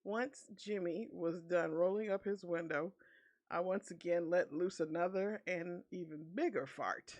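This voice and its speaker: A woman's voice: lowish voice, measured pace, a little mellow. A woman streamer reading an online story aloud with her own commentary, laughing often between lines. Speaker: VTuber streamer.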